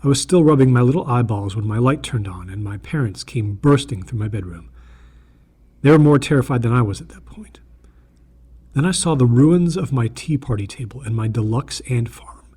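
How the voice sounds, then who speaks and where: With a mid-range, darkish and slightly husky voice, a man earnestly reads a first-person horror story from a script, taking a deliberate pace.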